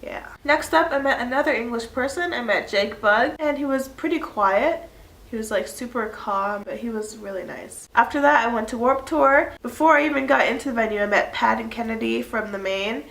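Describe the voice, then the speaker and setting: Chatting to her viewers on camera, a woman in her early 20s rambles casually, packing in "like" fillers while her nose is stuffed up from a cold. The room echoes, and her fairly bright voice sits on the high side, creaky and at a moderate pace.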